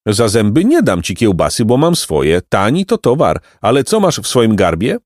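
A man voicing a loud, boastful innkeeper who hawks sausages, in a raised, pitched-up voice. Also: wildly swooping pitch, normal speed, dry recording, clean studio sound. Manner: raised, hawking voice.

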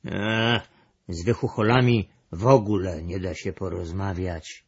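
A grumbling male creature from a storybook, muttering dismissively in a slow, husky voice, voiced by a man reading aloud. The recording sounds dull and lo-fi. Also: deep voice, fairly even intonation, heavily acted.

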